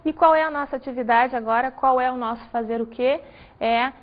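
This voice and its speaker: A woman's voice: high-pitched, brisk. A woman from Brazil, an English teacher, patiently explaining grammar and stressing each example word. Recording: dull lo-fi recording.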